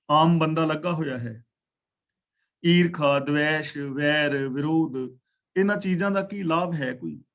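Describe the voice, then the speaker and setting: A man teaching a scripture class, reciting verses slowly and then explaining them in plain talk. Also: on the high side, a bit bright. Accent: Punjabi. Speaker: katha teacher.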